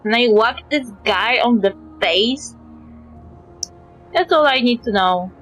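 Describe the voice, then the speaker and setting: High-voiced, unhurried woman streamer, sardonic. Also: animated, a bit bright, soft background music, rough recording. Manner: sardonic, swearing, talks back to game characters. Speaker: streamer reacting to a video game. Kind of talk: casual livestream commentary.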